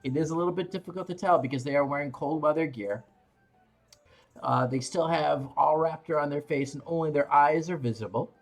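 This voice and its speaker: A game master narrating a tabletop game in a halting way, pausing between phrases. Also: medium pitch, low-quality recording.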